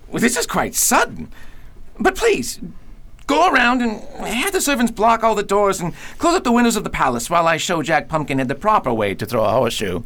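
Genial straw-man monarch, acted by a woman, hugely swooping pitch, formal and exclamatory audio drama style. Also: big pitch swings, a little fast, fairly bright tone. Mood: cheerful. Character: genial, unhurried scarecrow king, male. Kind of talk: theatrical audio drama acting.

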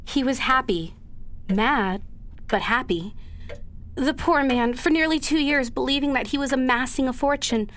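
A woman voices a dutiful young daughter in anguish for a period radio drama, her high, somewhat bright voice sounding wistful. She speaks haltingly and earnestly in old-fashioned, formal phrasing, and there is slight hiss or hum on the recording.

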